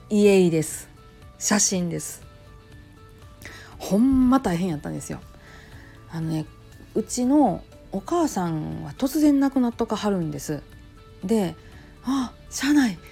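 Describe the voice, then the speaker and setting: Chatty Kansai woman with a gravelly edge. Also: lowish voice. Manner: rambling, animated storytelling with many fillers. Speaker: channel host, temple wife and nurse. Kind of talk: casual chatty monologue.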